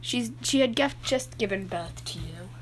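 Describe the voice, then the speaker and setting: A woman's voice: medium pitch, lively intonation, a little slow, slight background noise, lightly acted. A woman playing a rambling goofy dad. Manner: rambling, easily sidetracked storytelling.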